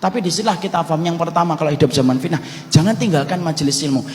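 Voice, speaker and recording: A man preaching a sermon and telling a story, calling his listeners "Pak" and moving between loud, high lines and soft, low ones. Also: racing. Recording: echoey hall recording with faint background hum.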